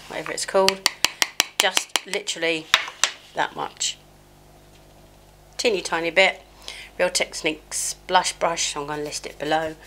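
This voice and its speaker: This chatty beauty vlogger has a low, slightly chesty voice with a sharp edge, and there's slight background noise. She rambles through a get-ready-with-me chat, scattered and self-mocking, with lots of fillers, on a small mic clipped close to her that is occasionally covered.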